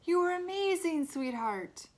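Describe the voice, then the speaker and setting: A proud father calls out praise to his daughter, loud and excited, as a woman reads him. The voice sits high and exclaims. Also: unhurried, exaggerated voice.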